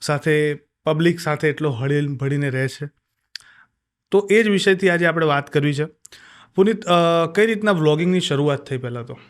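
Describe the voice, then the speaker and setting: A man hosting a podcast who introduces his guest in a measured, formal way. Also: on the high side, expressive. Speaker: podcast host.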